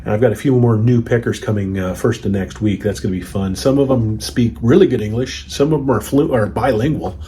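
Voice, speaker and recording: Wry American man, unscripted and halting, slightly low voice, slight noise behind. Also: mellow. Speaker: farm vlogger. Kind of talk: casual, unscripted vlog chat. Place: farm office, indoors.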